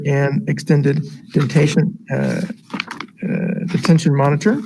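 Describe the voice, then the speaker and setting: A man's voice: a little high, gravelly, a little mellow. An American man talking through a face mask, formally reading agenda items aloud as he chairs a board meeting. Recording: noisy meeting room recording.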